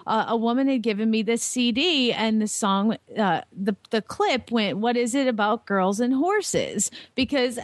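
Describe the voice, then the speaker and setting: A woman's voice: on the high side, lively intonation, measured pace, few pauses, no room sound, studio quality. A woman from Atlanta, telling family stories and laughing easily as a radio guest. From Atlanta, Georgia. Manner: laughing, chatty storyteller. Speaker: radio guest, former country DJ. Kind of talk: casual radio chat.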